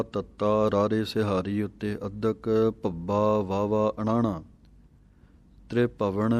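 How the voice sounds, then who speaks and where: A man teaching the correct pronunciation of scripture, chanting each verse slowly and then explaining it in a measured tone. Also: on the low side, darkish tone. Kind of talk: slow, careful recitation lesson.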